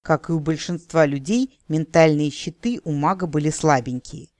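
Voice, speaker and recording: A man's voice: on the high side, moderate pace, a little mellow, dry recording, clean studio sound. A man reading a fantasy audiobook in a wry, ironic narrating voice.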